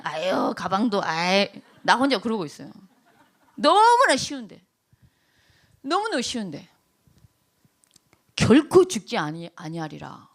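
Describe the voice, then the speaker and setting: A middle-aged pastor's wife gives a lively testimony, her somewhat high voice rising and falling with a lot of animation. She acts out the people in her stories and laughs often as she talks. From South Korea. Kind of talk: testimony talk at a training event.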